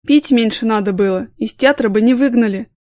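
A woman's voice: fairly high pitch, a little fast, darkish tone, no room sound, clean studio sound, natural voice. A woman doing a scornful male colleague. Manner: contemptuous, dismissive.

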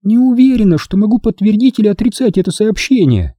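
A man voicing a playful, chatty young woman who teases her lover, raising his pitch high. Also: lively intonation, brisk, warm tone, no echo. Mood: teasing. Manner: chatty, teasing.

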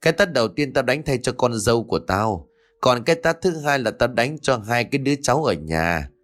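A man's voice: mid-range voice, big pitch swings, a little fast, a bit bright. A man voicing a fierce older mother-in-law who scolds harshly, in a spoken ghost story. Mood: furious scolding.

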